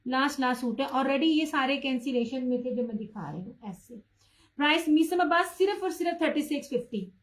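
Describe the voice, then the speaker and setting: Woman, high voice, live-stream seller, chatty, pushy about price. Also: lively intonation, fairly quick, low-quality recording. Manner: chatty, addresses viewers by name, insists on low prices. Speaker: online clothing seller. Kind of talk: live-stream sales pitch.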